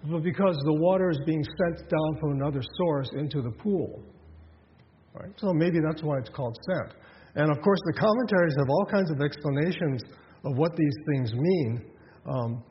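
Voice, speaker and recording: A man's voice: a little high, normal speed, long reverb tail, muffled recording, a little hiss or hum. A man preaching a sermon in a conversational way, with rhetorical questions and frequent restarts. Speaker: pastor.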